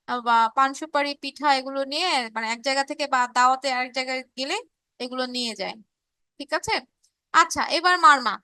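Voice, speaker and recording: High, bright-voiced woman teaching online. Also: no echo. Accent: Bangladeshi Bengali. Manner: reads chat messages aloud and answers students; explanatory, with frequent fillers and restarts. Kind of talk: live online revision class.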